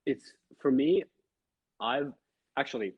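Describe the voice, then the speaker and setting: A man from Sri Lanka, a guest developer on a casual livestream, talking with pauses and soft asides. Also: mid-range voice, lively intonation, slightly rough, dry recording. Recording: dry lo-fi stream audio.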